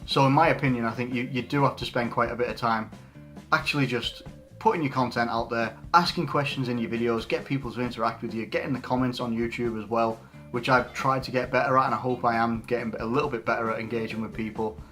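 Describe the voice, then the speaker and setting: A man's voice: medium pitch, steady tone, fast, fairly bright tone, soft background music. A man in his twenties from England, a YouTuber answering viewer questions in an unscripted casual Q&A, rambling with frequent restarts and fillers. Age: 20s.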